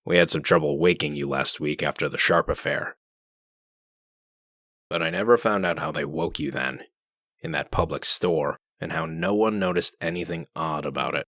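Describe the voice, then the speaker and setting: A man acts out a gruff wolf sheriff with an extremely low voice, recorded dry and close. He is terse and commanding, with a sardonic, menacing edge, in the manner of a hard-boiled comic drama. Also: normal speed, fairly bright tone, no echo, exaggerated voice. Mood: dry, prying. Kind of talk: comic dub acting.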